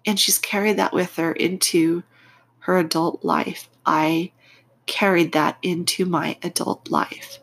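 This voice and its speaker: Slow-talking, nasal woman podcaster. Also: fairly low pitch, fairly even intonation, fairly bright tone, breathy edge. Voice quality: nasal, congested. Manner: unhurried, deliberate phrasing with pauses. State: stuffed-up nose. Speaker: podcast host. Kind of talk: personal reflective monologue podcast.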